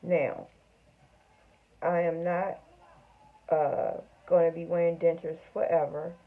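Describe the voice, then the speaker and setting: A middle-aged woman speaking without her front teeth, chatting haltingly to camera in a casual video diary. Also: on the low side, little pitch movement. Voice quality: toothless speech, front teeth missing. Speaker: vlogger. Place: small home room, indoors. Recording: tinny, phone-like narrow sound.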